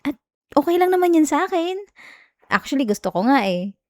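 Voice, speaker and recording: Speaking softly and close to the mic, a woman with a Filipino accent plays a sweet, clingy, teasing young wife soothing her partner in an intimate ASMR roleplay of bedtime chat and story reading. Her high-pitched, sing-song voice moves at a moderate pace, giggly, affectionate and coaxing, in a playful mood. The sound is dry with no echo.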